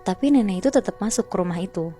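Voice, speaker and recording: A woman's voice: mid-range voice, expressive, very fast, warm tone, soft background music. A woman telling a horror story to a friend in a chatty, slangy way, often calling out to her listener.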